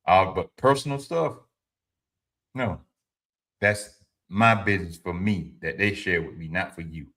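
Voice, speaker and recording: A man's voice: sits low, a little slow, pauses often, a bit bright. A man in his fifties giving informal, preachy advice to his livestream viewers, repeating his points and answering the chat. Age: 50s. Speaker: livestream host. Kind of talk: motivational talk to a live audience.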